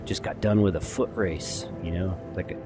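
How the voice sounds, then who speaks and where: A man's voice: low-pitched, fairly even intonation, normal speed, music in the background. A man giving casual, rambling gameplay commentary as a video host, chatty, informal and self-deprecating.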